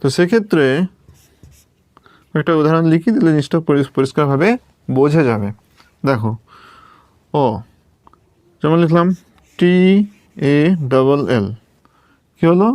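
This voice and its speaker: In a slow, board-based English lesson, a man patiently spells out each sound and checks his students are with him. His voice runs on the high side, expressive and a little mellow, at normal speed with frequent pauses, and there's no echo.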